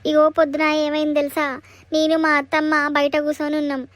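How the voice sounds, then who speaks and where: A woman's voice: high-pitched, monotone, quick pace, no echo, lightly acted. Woman doing a plaintive young Telangana lover. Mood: aggrieved. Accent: Telangana Telugu. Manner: plaintive complaining.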